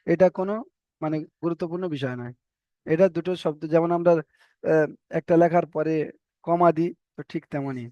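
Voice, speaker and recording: A man teaching Quran reading, spelling out letters and vowel marks and then chanting each word slowly. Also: fairly high pitch, warm tone, dry recording, dull audio. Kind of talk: spelled-out recitation lesson.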